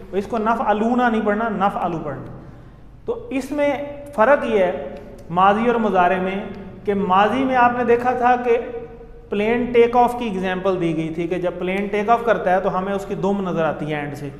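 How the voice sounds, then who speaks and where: Male teacher, high voice, patient step-by-step explainer leading chanted drills, echoey hall. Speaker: Arabic grammar teacher. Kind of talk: classroom lesson with recitation drills.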